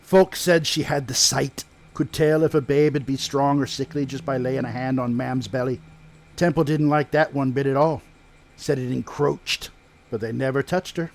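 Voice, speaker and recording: A man's voice: medium pitch, steady tone, normal speed, vocal fry, close to an everyday voice. Male player as proud village smith for fantasy tabletop game; rustic speech, spins family legends like gossip. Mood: gossipy, relishing. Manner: rustic dialect, storytelling like sharing gossip. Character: proud, folksy male blacksmith recounting family lore. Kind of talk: in-character tabletop role-play storytelling.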